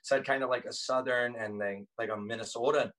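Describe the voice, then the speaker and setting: A man's voice: medium pitch, steady tone, quick pace, a bit bright, rough recording. A man in his forties whose first language is Thai, a guest talking casually in an interview, rambling with lots of ums and restarts. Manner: rambling with frequent ums and self-corrections.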